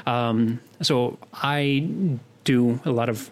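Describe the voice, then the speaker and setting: A man's voice: mid-range voice, fairly even intonation, slow pace. A young man co-hosting a podcast, talking in a rambling way with many fillers and restarts. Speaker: podcast co-host. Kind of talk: casual podcast chat.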